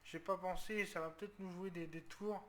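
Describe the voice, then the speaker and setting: A man from France talks through a football video game match as he plays it. His voice is high and bright, and he sounds tense as he explains each tactical change, with sudden loud cries when a play goes wrong. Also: steady tone, brisk, slight background noise. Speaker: gaming video creator. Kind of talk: live football game commentary.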